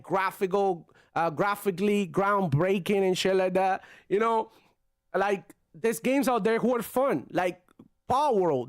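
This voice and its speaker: A young Cuban man hosts a casual gaming livestream, reading viewer comments and chatting loosely with slang and Spanish phrases. His voice is high. The sound is clean studio quality with no echo.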